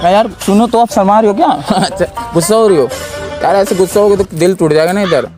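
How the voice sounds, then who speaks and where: Young male prank host, playful and pleading, slightly high pitch, music bed underneath. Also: quick pace. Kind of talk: prank chat with a stranger. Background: background music.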